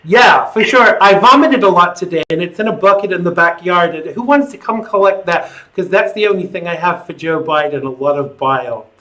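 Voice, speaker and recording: A man with a fairly high, forceful voice hosts a live call-in show. He speaks conversationally and gives his opinions with a sardonic edge. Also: fairly quick, hardly any pauses, low-quality recording.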